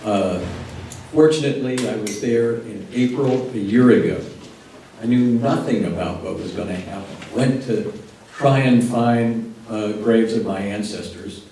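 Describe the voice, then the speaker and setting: A man's voice: lowish voice, unhurried, warm tone, a little hiss or hum. A man from Texas, an audience member chatting through a personal story before his question at a lecture. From Texas, United States. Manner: conversational, storytelling, with fillers. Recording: echoey hall from far off.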